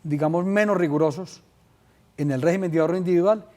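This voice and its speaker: A man with a Colombian accent, a legal expert on a TV call-in show, explaining pension rules in a measured way with many fillers. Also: on the high side, darkish tone. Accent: Colombian Spanish. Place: TV studio.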